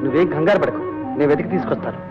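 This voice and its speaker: An actor playing an evasive wealthy husband in an old film, giving curt, noncommittal replies. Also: male voice, a little high, racing, natural voice. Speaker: estate-owning husband. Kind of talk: 1970s Telugu film dialogue. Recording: muffled old film soundtrack with music.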